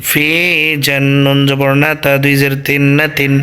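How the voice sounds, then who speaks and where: A man's voice: medium pitch, monotone, normal speed, bright, forceful tone, smooth. A man teaching Quran reading who spells out the Arabic letters and vowel marks one syllable at a time, patiently repeating each sound.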